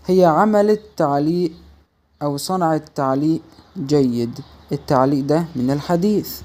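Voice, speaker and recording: A man with an Egyptian Arabic accent teaching English, saying example sentences slowly and explaining them quickly. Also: on the high side, mellow. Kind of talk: language lesson.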